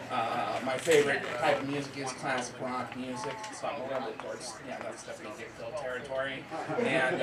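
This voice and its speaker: A man in his thirties from southern Maine doing a deadpan, self-deprecating stand-up set, repeating his lines. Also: medium pitch. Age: 30s. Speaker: stand-up comedian. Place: comedy club stage. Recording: roomy club sound from a distance, loud crowd laughter. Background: crowd laughing.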